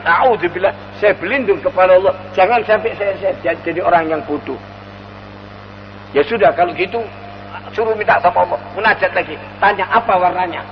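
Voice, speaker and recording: A male Islamic preacher, telling a scripture story in a lively sermon and chanting verses slowly. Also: high voice, long reverb tail, highs cut off, a little hiss or hum. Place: mosque hall.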